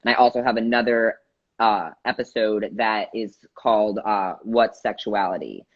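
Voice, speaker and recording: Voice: mid-range voice, normal speed, highs cut off. A young adult nonbinary co-host who explains terms energetically in a casual conversation and laughs often. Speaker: co-host and educator.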